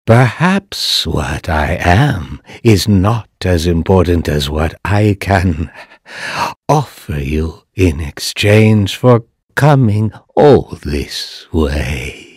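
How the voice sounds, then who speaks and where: A male actor voicing a sinister, enigmatic middle-aged man in a video game, coldly bargaining in halting, oddly stressed, deliberate phrases with a breathy husk. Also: low-pitched, animated, a little mellow, no room sound, studio quality, exaggerated voice. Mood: coolly insinuating. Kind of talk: video game character monologue.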